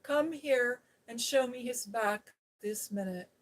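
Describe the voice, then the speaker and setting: A woman voicing a fierce, bossy little girl who shouts and scolds. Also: medium pitch, fairly even intonation, slow pace. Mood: commanding. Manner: shouting, commanding.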